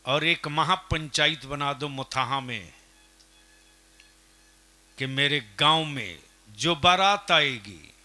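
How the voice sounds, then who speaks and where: A man preaching a fiery sermon at a public gathering, asking the crowd questions and swinging up to shouting. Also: a little high, slow pace, pauses often, faint music behind. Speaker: Islamic preacher. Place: outdoor religious gathering.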